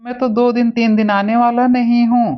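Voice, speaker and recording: Woman voicing a gentle cartoon husband. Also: fairly high pitch, flat delivery, moderate pace, lightly acted. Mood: calm. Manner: soothing, reassuring. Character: kind, gentle young husband. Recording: dull lo-fi audio.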